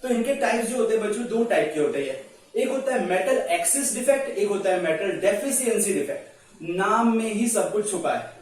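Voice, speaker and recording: High-voiced man lecturing in an echoey room. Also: animated, a little fast. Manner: coaxing, repeats checks like "clear?" to students. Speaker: chemistry teacher. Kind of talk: online lecture. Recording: echoey room, voice far from mic.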